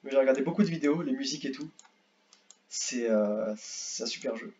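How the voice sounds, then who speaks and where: A young man casually ranking video games, rambling and repeating himself, with excitable bursts. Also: medium pitch, brisk, muffled recording. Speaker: gaming youtuber. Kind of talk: casual tier-list commentary.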